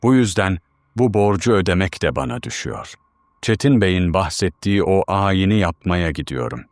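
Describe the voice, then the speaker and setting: A man voicing a guilt-ridden wife reading out her solemn, confessional farewell letter in a low, dry voice. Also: big pitch swings, normal speed, no room sound. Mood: remorseful.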